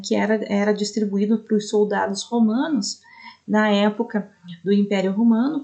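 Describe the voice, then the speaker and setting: Gravelly-voiced Brazilian woman teaching a lesson. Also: medium pitch, a little mellow. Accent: Brazilian Portuguese. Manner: explanatory, frequent "né?" checks, spells out syllables slowly. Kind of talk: recorded lesson for adult students.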